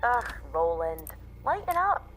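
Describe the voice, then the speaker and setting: An eager woman explorer from a sci-fi game, with a fairly high, very animated voice. She is breezy, teasing and enthusiastic, with faint music underneath. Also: takes it slowly, full character voice. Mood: cheerful, teasing. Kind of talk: video game voice acting.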